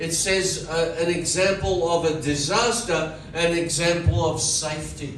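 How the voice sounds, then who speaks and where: A man with an Australian accent preaching a sermon in short phrases, pausing between them for an interpreter. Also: a little high, fairly even intonation, fairly bright tone. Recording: very echoey hall, distant, noisy.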